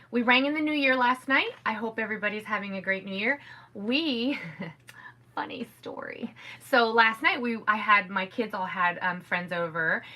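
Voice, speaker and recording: A middle-aged woman hosting a casual podcast from home, telling stories in a rambling, animated way. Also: medium pitch. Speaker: podcast host. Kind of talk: casual chat.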